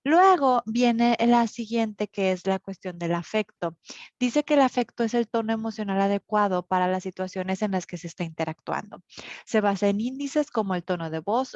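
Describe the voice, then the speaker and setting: A woman's voice: mid-range voice, normal speed, a little mellow, no room sound. A woman teacher from northern Mexico with a Monterrey accent, lecturing an online class and explaining with many fillers and tag questions. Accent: Monterrey Mexican Spanish. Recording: dull, lo-fi recording.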